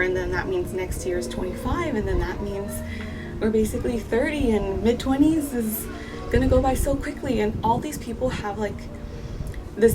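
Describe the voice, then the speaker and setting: A woman's voice: mid-range voice, distant mic, poor audio. Young woman chatting while doing makeup. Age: 20s. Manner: chatty, reflective, many "like" fillers. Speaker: vlogger. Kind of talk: casual get-ready-with-me chat. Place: outdoors by a pool on holiday.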